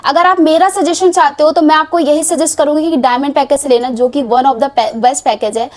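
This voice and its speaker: A young woman casually pitching online course packages, persuasive and repetitive, mixing English words into her Hindi. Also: fairly even intonation, normal speed, darkish tone. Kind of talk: casual sales pitch to camera.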